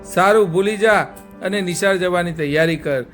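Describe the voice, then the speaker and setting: Caring mom in a kids' story, soft advice, a man voicing her, high pitched. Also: normal speed, soft background music. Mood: gentle. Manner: soothing, giving a lesson. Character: caring mother, gently instructive.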